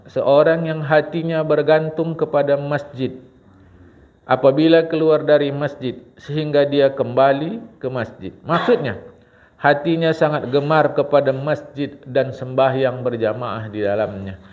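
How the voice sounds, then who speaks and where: A man teaching a mosque congregation, talking in an animated way with a lilt and often calling out to his listeners. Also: fairly high pitch, measured pace. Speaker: religious teacher. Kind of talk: mosque study-circle sermon. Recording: dull lo-fi recording.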